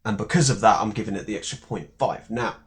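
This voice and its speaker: Young man, low-pitched voice, casual music reaction commentary, rambling and relaxed, lots of fillers. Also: fast.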